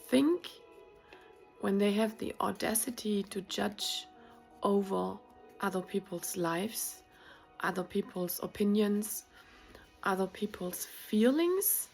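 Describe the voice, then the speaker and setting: A woman's voice: medium pitch, gravelly, a little mellow. A woman with a German accent talking casually to her viewers in a vlog, hesitant, with many fillers and restarts. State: recovering from surgery. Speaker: YouTuber.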